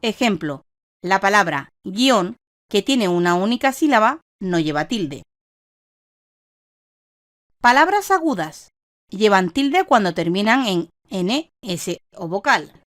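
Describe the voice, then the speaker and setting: A woman reading a scripted instructional lesson in a measured, didactic way, stressing each example word. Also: mid-range voice, big pitch swings, fairly bright tone, no echo, clean studio sound. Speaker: online course narrator.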